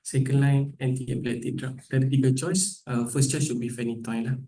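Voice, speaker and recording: A man's voice: medium pitch, little pitch movement, fairly quick, dark tone. A man with a Malaysian accent presents and quizzes an audience informally, casually switching between English and Malay with local slang particles. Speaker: presenter giving a medical talk. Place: meeting room. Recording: echoey room, picked up from a distance.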